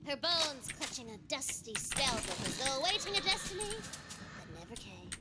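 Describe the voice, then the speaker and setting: An excitable female game master narrating a fantasy video game. Her very high, girlish voice swoops dramatically through the tale, with loud game noise behind. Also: normal speed. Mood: ominous storytelling. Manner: theatrical storytelling, swooping from hushed to squealing.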